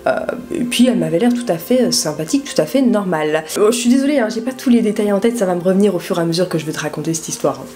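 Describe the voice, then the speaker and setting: Low-pitched young Frenchwoman telling a casual story. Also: animated, very fast, dark tone. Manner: informal, slangy, addresses the viewer directly. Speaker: vlogger telling a personal story.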